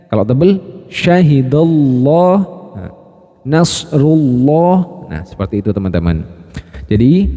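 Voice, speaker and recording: A man teaching recitation patiently, stopping to chant example words slowly. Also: mid-range voice, warm tone, big-room sound. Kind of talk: explanatory lesson.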